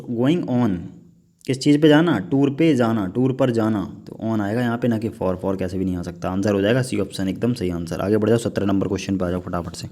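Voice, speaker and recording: A man's voice: mid-range voice, a little mellow. A male coaching teacher going through an exam paper, asking the viewer questions over and over and calling them "my brother". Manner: mixes Hindi explanation with read-out English. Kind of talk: exam paper walkthrough lesson.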